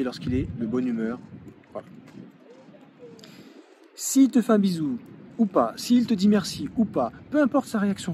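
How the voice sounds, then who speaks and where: A man's voice: fairly high pitch, mellow, slight background noise. A man coaching the viewer directly, earnest and repeating key phrases for emphasis. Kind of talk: advice monologue to the viewer.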